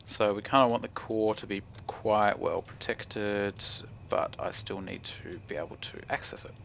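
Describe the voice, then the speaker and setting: On the low side and fairly bright, with a creaky edge and moderate pace, this young man's voice sits over slight background noise. A gaming video creator with a broad Kiwi accent, he commentates from home, laid-back, slangy and muttering asides as he reasons aloud.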